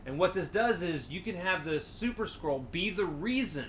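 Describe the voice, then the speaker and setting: Bright, slightly high male podcast co-host, eager storyteller, light room noise. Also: moderate pace. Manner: animated storytelling, acts out quotes. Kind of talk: casual chat.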